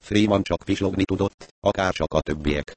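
A man narrating an audiobook in a steady first-person storytelling manner. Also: deep voice, no room sound.

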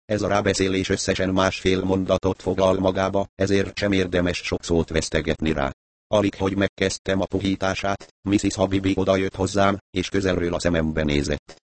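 A man narrating an audiobook in a wry, steady first-person telling. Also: sits low, a little hiss or hum.

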